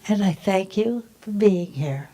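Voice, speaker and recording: Woman, slow and mellow, giving a soft heartfelt memorial speech. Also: mid-range voice, lively intonation, low-quality recording. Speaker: memorial speaker. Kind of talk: personal remembrance speech. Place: memorial service hall.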